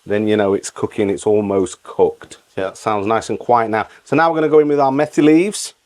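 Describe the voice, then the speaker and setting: A man's voice: lowish voice, steady tone, fairly quick, darkish tone. A middle-aged man hosting a casual step-by-step cooking tutorial, repeating phrases for emphasis. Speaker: cooking channel host.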